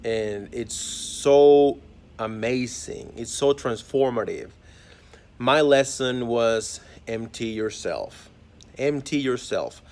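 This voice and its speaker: An earnest man of mid-range pitch speaks in a reflective spiritual monologue. He muses aloud, circling back and restarting phrases as he goes. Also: takes it slowly, darkish tone. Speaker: holistic vlogger.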